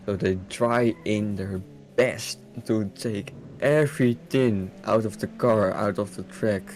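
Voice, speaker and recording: Slow-talking Dutch male co-commentator. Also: on the low side, steady tone, darkish tone, slight background noise. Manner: slow, searches for English words, many fillers. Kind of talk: live race commentary.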